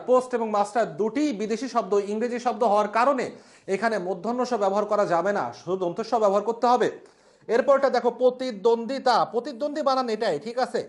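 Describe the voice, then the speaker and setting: A male language instructor giving a classroom spelling lesson at a board, drawing out each word slowly and repeating it. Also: very high voice. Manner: slow, drawn-out repetition of spellings.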